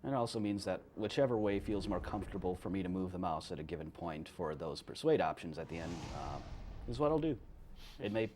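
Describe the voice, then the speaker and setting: A man's voice: low-pitched, expressive, fairly quick, darkish tone, slight background noise. A man playing a game live and talking casually about it in a dry, offhand way. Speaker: speedrunner. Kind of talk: casual commentary while playing.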